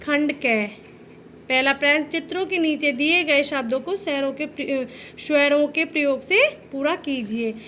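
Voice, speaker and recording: A school teacher with a Hindi accent and a high, slightly bright voice records a Hindi grammar lesson for young children, drawing out each letter slowly and carefully and calling listeners "beta." Her unhurried delivery has a faint hiss beneath it.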